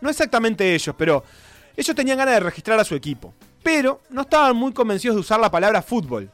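A man's voice: sits high, quick pace, dry recording, faint music behind. A man telling football history as a casual co-host, reading quotes aloud with flair. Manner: animated, reads quotes aloud with dramatic flair. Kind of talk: casual radio-style storytelling.

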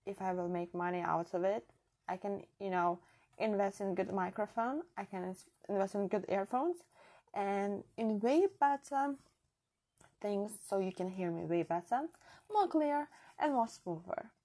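Recorded on a device's built-in mic instead of a real microphone, this European podcast host talks alone in a casual, earnest, chatty and reflective way. English isn't her first language, and her accent shows it. Her medium-pitched voice is animated, a little slow and somewhat dark in tone.

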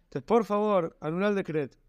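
A man's voice: sits high, fairly quick, smooth, dry recording, clean studio sound, voice pushed up, natural voice. A man with a Rioplatense Spanish accent voicing a mother of five who pleads earnestly in prayer. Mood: pleading.

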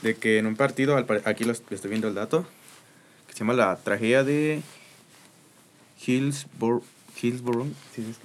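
A man in a casual chat, recounting a story in a halting, stumbling way. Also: mid-range voice, a little hiss or hum.

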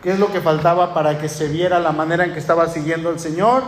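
A man with a northern Mexican accent preaches from the pulpit, his voice sitting notably high for a man. He presses his points with rhetorical questions and piled-up lists. The sound carries the echo of a church room over a faint hum of ambience. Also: quick pace. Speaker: pastor. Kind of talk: sermon.

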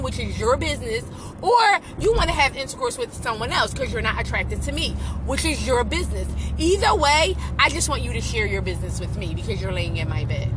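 A woman's voice: high-pitched, background noise. A young woman venting in a casual confessional rant, swearing heavily and repeating herself for emphasis as she tells her story and advises young women. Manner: blunt, heavy swearing, emphatic repetition. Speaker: vlogger venting about a relationship.

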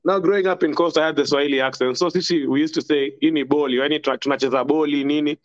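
Speaking rapid-fire in a slightly high, steady voice, a young Kenyan man shares rambling school stories as a casual podcast guest. Laughter comes often, and Swahili words weave through his talk. The sound is dry and lo-fi.

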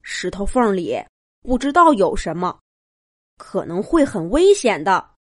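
A woman voicing a calm, caring dog police chief. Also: medium pitch, a little slow. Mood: steady.

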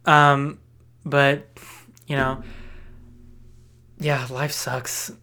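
A woman's voice: rumbling low, little pitch movement, very slow, sharp tone. A woman co-hosting a podcast in casual chat, dry and laid-back, often trailing off. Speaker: podcast co-host.

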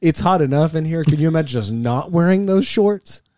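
A man's voice: fairly high pitch, lively intonation, brisk, darkish tone, dry recording. A man co-hosting a casual podcast chat, reading aloud at length in a jokey way. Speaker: podcast co-host.

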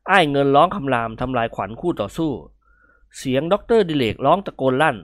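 Guy reading a funny story, bouncy voice, pitch all over, dry close sound. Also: fast talker, dry recording. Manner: lively, expressive. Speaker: narrator.

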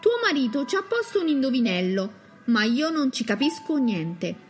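Woman voicing a fretful rustic neighbor, high and lively pleading, storybook role, faint music behind. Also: normal speed. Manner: pleading, anxious. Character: neighbor, a worried country man pleading for help. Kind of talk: audiobook character voice.

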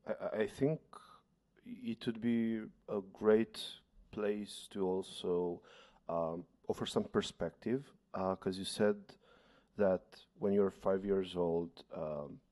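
Male podcast host, very low voice, slow and gentle in his questions. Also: steady tone. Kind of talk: casual interview talk.

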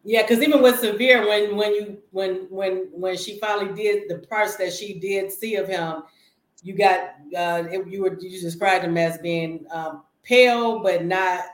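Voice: medium pitch, fairly even intonation, unhurried. An interview host asking questions casually, rambling and restarting often. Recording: roomy, echoey sound.

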